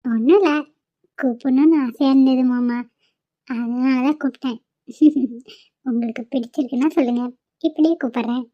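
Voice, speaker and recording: A woman voicing an affectionate young wife in a cartoon, speaking softly. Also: high voice, moderate pace, pauses often, dry recording, close to an everyday voice. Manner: soft, affectionate. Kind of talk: cartoon voice acting. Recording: muffled lo-fi recording.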